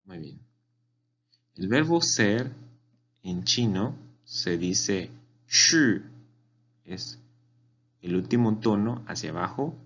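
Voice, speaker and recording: A man's voice: on the low side, animated, slow, long pauses. A man teaching a beginner language class, patiently repeating words for learners to copy. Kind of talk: slow spoken language lesson. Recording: dull lo-fi recording with faint hum.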